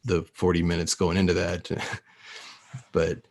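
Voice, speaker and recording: Low voiced dude on a podcast, thinking out loud, bit halting. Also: male voice, completely flat delivery, creaky. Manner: reflective, searching for words. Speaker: podcast co-host. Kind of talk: casual chat.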